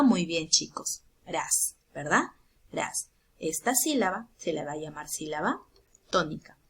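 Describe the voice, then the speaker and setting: A woman's voice: medium pitch, a bit bright, slightly rough. A woman with a Peruvian Spanish accent, a primary school teacher explaining a grammar lesson to children patiently and checking in with the class often.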